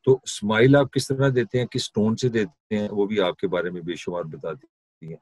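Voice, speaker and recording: A man's voice: lowish voice, steady tone, a little mellow, no room sound. A middle-aged man with a Pakistani Urdu accent giving a university class lecture, conversational, mixing in English terms and sarcastic asides.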